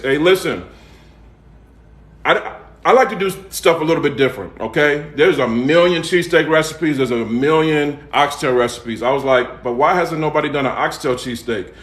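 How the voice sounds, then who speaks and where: A man from the United States with a Southern accent, hosting a casual cooking livestream and pitching his products in a folksy, repetitive way with frequent check-in tags. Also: a bit bright. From United States, raised in Atlanta. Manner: folksy, repeats himself and tags phrases with "okay?" and "all right?". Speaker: home cook and seasoning seller hosting a livestream. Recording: echoey, roomy sound.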